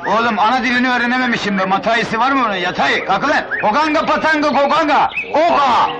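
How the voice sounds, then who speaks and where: A cheeky Turkish tourist mocks and blusters his way through every line. The voice sits high for a man. It has the broad delivery of 1960s film comedy. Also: fast talker, over music, poor audio. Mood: joking. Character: brash joking Turkish tourist man, street-smart. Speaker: comic lead.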